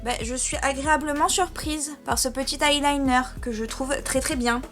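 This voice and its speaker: A woman's voice: high voice, normal speed, a bit bright. A young woman chatting casually in a beauty vlog, self-mocking and talking while she tries on makeup. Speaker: beauty vlogger. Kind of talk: casual makeup tutorial chat.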